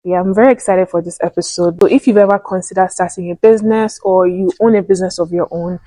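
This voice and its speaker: A woman's voice: fairly low pitch, fairly even intonation, fast, warm tone, no echo, low-quality recording. A young woman hosting an interview podcast, upbeat and encouraging, with frequent affirmations. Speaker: podcast host. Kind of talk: casual interview chat.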